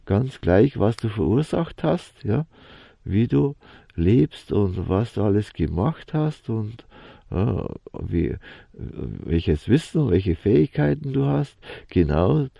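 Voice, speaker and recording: A man giving a slow, meditative spiritual talk, halting and searching for words and dropping a questioning "ja" into nearly every phrase. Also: lowish voice, big pitch swings, gravelly, mellow, dry recording. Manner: fills his talk with a questioning "ja". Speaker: spiritual teacher. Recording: dull lo-fi sound, dry and close.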